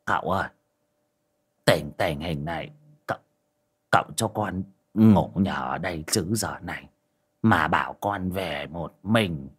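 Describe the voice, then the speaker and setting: A man doing a brash, husky old village troublemaker. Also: sits low, measured pace, long pauses, a bit bright, voice pushed down, exaggerated voice. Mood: pleading. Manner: stammering, crude and brash.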